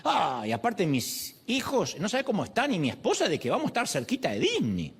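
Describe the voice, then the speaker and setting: A man's voice: high-pitched, wildly swooping pitch, fairly quick, a little hiss or hum, pitched above the performer's own voice, exaggerated voice. A man voicing a self-assured, boastful male pastor friend.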